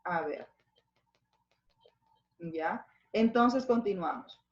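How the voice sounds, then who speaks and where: Peruvian teacher explaining in an echoey room. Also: female voice, on the low side, expressive, very slow, highs cut off. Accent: Peruvian Spanish. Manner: explanatory, checks in with frequent tag questions. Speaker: schoolteacher. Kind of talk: recorded language lesson.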